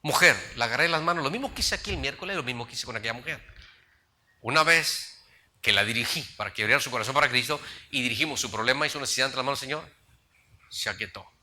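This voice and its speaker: Middle-aged preacher with a very bright tone, animated storyteller. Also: male voice, mid-range voice, fast talker. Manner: storytelling preacher, acts out voices in his anecdotes. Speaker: pastor. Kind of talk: sermon.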